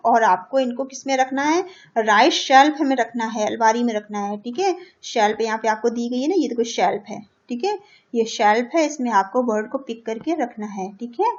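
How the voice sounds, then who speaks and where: A woman teaching a primary school English lesson. She reads the English lines slowly and loudly, explains each word in Hindi and checks in with "theek hai". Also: fairly high pitch. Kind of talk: classroom lesson for young children. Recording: dull lo-fi recording.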